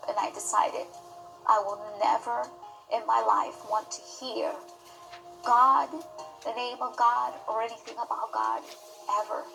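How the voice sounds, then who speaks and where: A woman tells her personal story in an earnest, halting way, emotion close to the surface. She speaks slowly in a slightly high voice, with quiet music under her. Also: little pitch movement, vocal fry, rough recording. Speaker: testimony guest. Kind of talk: personal testimony interview.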